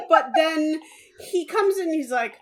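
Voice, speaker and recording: A woman's voice: a little high, a little slow. A woman co-hosting a podcast, chatting casually and animatedly, often breaking into laughter. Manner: animated, laughing, mock French voices. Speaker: podcast co-host. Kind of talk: casual chat.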